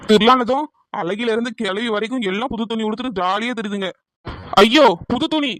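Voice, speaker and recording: A woman's voice: a little high, brisk, a little hiss or hum, natural voice. A woman voicing a fussy, scheming village mother in a cartoon, wailing and complaining theatrically. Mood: fretful. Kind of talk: cartoon voice acting.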